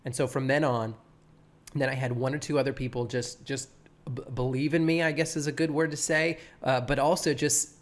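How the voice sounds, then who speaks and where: A man in his thirties, a pastor and guest, telling stories in an animated way, with a laid-back surfer-like voice, often acting out what people said. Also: mid-range voice, fairly quick. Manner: animated, quotes people, many restarts. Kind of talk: casual storytelling interview.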